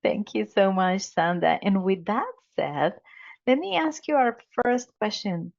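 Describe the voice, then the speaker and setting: A woman's voice: medium pitch, animated, measured pace, vocal fry. A woman hosting a podcast interview, giving a formal, effusive introduction. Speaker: podcast host. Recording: dull lo-fi audio.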